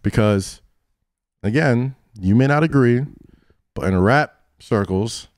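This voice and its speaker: A man's voice: mid-range voice, expressive, slow, no room sound. A young man with a New York accent, co-hosting a podcast and arguing his point in casual debate, teasing and talking over his co-host.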